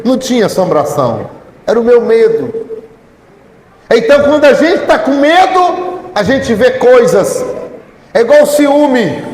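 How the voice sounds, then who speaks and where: A Brazilian man preaching a sermon as pastor, calling out church members by name and building up to shouted, repeated declarations. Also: very high-pitched, echoey room, big-room sound, low-quality recording. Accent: Brazilian Portuguese.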